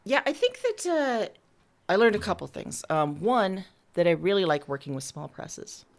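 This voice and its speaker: A woman being interviewed as a writer and musician chats casually, speaking candidly and eagerly about her creative output. Her voice is medium-pitched and sing-song, at a normal speed.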